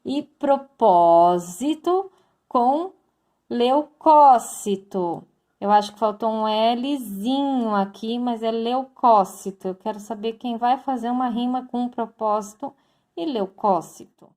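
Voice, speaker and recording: A woman's voice: on the high side, measured pace, darkish tone. A woman teacher giving a recorded lesson, explaining step by step and addressing her students directly. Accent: Brazilian Portuguese.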